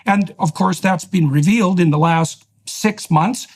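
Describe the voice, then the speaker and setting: A man's voice: sits high, unhurried. Emphatic man arguing in long sentences. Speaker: podcast host. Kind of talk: heated interview conversation.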